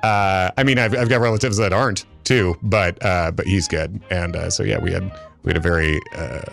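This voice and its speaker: A man guesting on a radio show, rambling and jokey, his speech full of "uh"s and restarts. His voice sits a bit low, and faint music hums underneath. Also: fairly even intonation, moderate pace, vocal fry, a bit bright. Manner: rambling, jokey, lots of filler words. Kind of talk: casual on-air chat. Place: radio studio.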